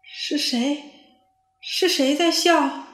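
A woman's voice: sits high, animated, a little slow, reverberant, voice pushed up. A woman voicing a timid little boy with a fearful, trembling voice in a children's story. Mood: frightened.

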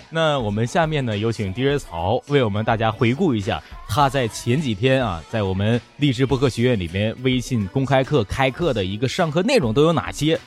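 A man's voice: medium pitch, expressive, fairly quick, soft background music. A man with a Northeastern Chinese accent hosting a casual comedy podcast, bantering in colloquial speech. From Tieling, northeastern China. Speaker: podcast host. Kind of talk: casual comedic interview chat.

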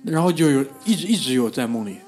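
A man's voice: a little high, animated, quick pace, darkish tone. A man in a casual group chat who teases the others and swears bluntly.

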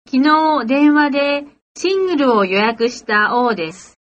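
A woman's voice: sits high, expressive, measured pace. A woman playing a polite hotel guest in a scripted language lesson, with careful textbook delivery. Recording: dull, lo-fi lesson recording.

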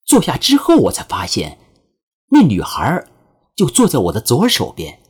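Male audiobook narrator, expressive first-person suspense reading, husky. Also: medium pitch, normal speed.

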